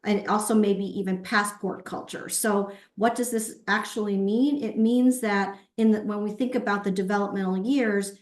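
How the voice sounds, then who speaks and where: A woman with a medium-pitched, steady voice presents a webinar at a normal pace with hardly any pauses, explaining things step by step, asking rhetorical questions, and briefly acknowledging participants. The sound is roomy and echoey.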